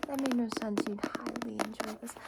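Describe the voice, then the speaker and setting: Soft ASMR woman with loud background noise. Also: a little high, fairly even intonation, fairly quick, gravelly. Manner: rambling, informal, hesitant. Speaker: ASMR book reviewer. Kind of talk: soft casual ASMR chat. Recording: noisy, with clicking and shuffling handling sounds. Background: tapping and scratching on books.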